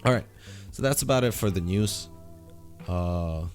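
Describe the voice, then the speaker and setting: Low-voiced young man with a sore throat. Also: lively intonation, a little slow, soft background music. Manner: rambling, many fillers and restarts. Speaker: vlogger. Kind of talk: casual daily vlog update.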